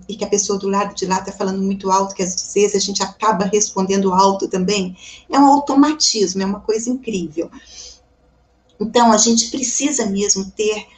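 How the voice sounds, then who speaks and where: A Spiritist lecturer with a Brazilian Portuguese accent and a mid-range voice gives a calm, reflective devotional talk. She often puts rhetorical questions to her audience and warmly calls them "gente."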